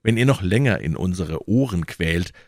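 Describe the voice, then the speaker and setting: A man's voice: deep voice, animated, moderate pace, no room sound, clean studio sound, pitched below the performer's own voice. A man voicing an earnest young musketeer in an audiobook reading. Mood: stern. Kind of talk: audiobook character voice.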